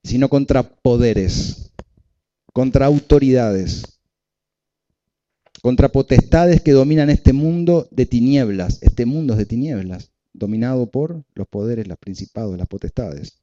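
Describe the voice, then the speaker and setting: Male pastor, emphatic repetitive preaching, very dark tone, slightly muffled recording. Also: medium pitch, expressive, a little slow. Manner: emphatic preaching, repeats phrases, asks the congregation questions. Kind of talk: sermon.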